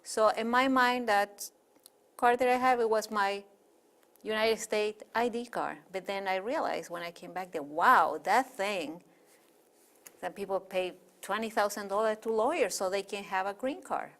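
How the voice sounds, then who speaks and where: Her voice is medium-pitched and fairly bright, and she speaks a little slowly. She is a middle-aged Chilean woman, a native Spanish speaker with a Chilean Spanish accent, rambling chattily with lots of fillers while being interviewed as a guest.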